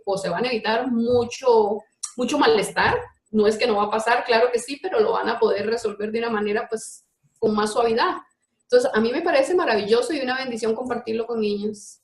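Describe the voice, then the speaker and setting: A woman with a fairly high voice chats casually and tells her story with animation. The room behind her carries a noticeable echo. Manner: animated storytelling, quotes a child. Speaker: participant. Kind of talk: casual chat. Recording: echoey room.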